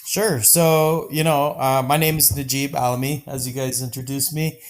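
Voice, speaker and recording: A man's voice: medium pitch, little pitch movement, normal speed. A man from Denver, a podcast guest, talking casually and enthusiastically with many restarts. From Denver, Colorado. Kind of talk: casual conversation.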